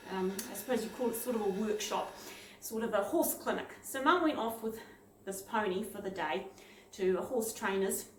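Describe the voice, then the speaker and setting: A woman's voice: a little high, distant mic. A woman telling a funny childhood story in a self-mocking way. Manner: lively, self-mocking, lightly amused. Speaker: vlogger. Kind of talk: personal anecdote storytelling. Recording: roomy echo, off-mic, faint noise.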